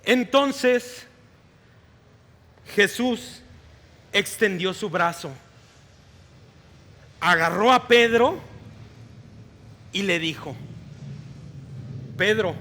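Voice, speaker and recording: A male pastor giving a sermon in a church hall, reading scripture in a slow, deliberate way. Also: high voice, animated, bright, forceful tone. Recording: long reverb of a large hall.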